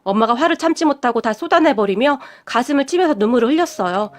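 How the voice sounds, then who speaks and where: A young woman narrating her own radio story in an earnest, quick-tempered way. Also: high voice, animated. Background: faint background music.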